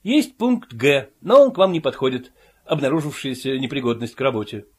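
A man's voice: mid-range voice, big pitch swings, a little fast, a little mellow, husky. A man doing an officious union chairman. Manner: officious, matter-of-fact. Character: bureaucratic male trade-union chairman.

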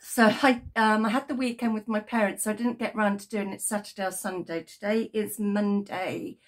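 Framed from the chest up by a desk webcam, this crochet vlogger chats to camera from her indoor home craft room, yarn shelves behind her. She's a middle-aged woman from the United Kingdom with a British English accent, croaky from a cold, and her mid-range voice keeps a steady tone at normal speed. Talking casually about her crochet project, she rambles with ums and corrections.

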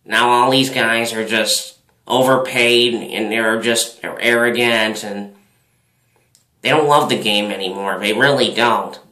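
A man voicing a loud older baseball fan who sounds drunk, rambling slowly and repeating himself. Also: on the low side, reverberant, rough recording. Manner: rambling, repetitive, drawn-out talk.

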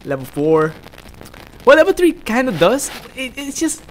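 A man's voice: very high voice, huge pitch swings, measured pace. A young man from South America giving jokey, rambling let's play commentary while he plays. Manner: rambling, jokey, talks to himself.

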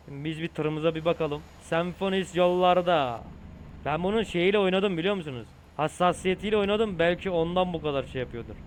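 A man's voice: on the high side, a little hiss or hum. Chatty young man gaming and joking. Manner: chatty, swears, talks to viewers while driving. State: tired and hot. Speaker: gaming streamer. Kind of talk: casual gameplay commentary.

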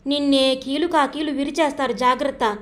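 A woman doing a feisty, sharp-tongued young woman. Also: high voice, fairly even intonation, lightly acted. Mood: scolding. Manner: quarrelsome, quick retorts.

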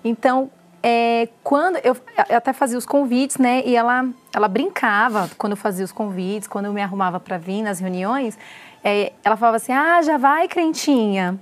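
A woman with a Brazilian Portuguese accent, calmly recounting her testimony as a church member in an interview. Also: a little high, brisk.

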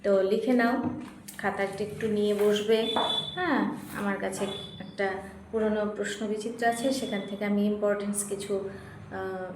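A woman teacher dictating exam questions to young pupils, slow and patient, spelling words out syllable by syllable. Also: mid-range voice, fairly even intonation. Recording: echoey room with faint noise.

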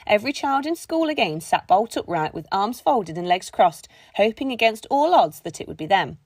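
Expressive woman reading a children's audiobook. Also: medium pitch, moderate pace, husky, no room sound. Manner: expressive storytelling. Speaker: audiobook narrator. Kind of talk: scripted narration.

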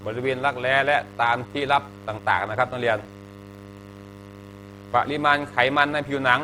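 A man's voice: mid-range voice, normal speed, pushed and bright, slight background noise. A male teacher giving a health lesson to students, chatty and joking, often asking the class questions.

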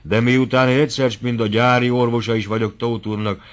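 A man voicing a blunt, heated middle-aged doctor who lectures loudly and forcefully in an audiobook. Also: mid-range voice, level tone, lightly acted. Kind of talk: audiobook character voice.

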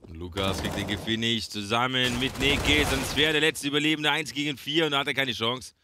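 Working solo as a play-by-play esports caster, a man chats to viewers as if they were friends. His medium-pitched voice moves fairly quickly over a noisy background of game gunfire and clicks.

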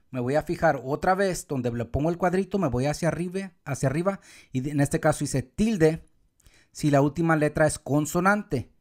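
A man teaching Spanish accent rules step by step, sometimes calling out words loudly to show where the stress falls. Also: a little high. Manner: calls out words loudly to show the stressed syllable, counts syllables slowly. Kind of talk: explaining accent marks step by step.

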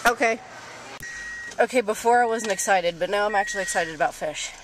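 A woman's voice: mid-range voice, fairly quick. A young woman chatting casually and teasingly while filming a vlog, often giggling. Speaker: vlogger. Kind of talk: casual chat. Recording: noisy handheld camera audio.

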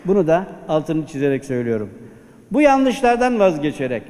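A man's voice: on the high side, big pitch swings, fairly quick, a little mellow. A man preaching a Friday sermon at a pulpit microphone, exhorting the congregation with rhetorical questions. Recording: long hall reverb.

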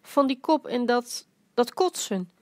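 A woman's voice: fairly high pitch, expressive, slow pace, no echo, clean studio sound. A woman reading as a fretful protesting mother. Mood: worried. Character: worried grown daughter, mother, protesting.

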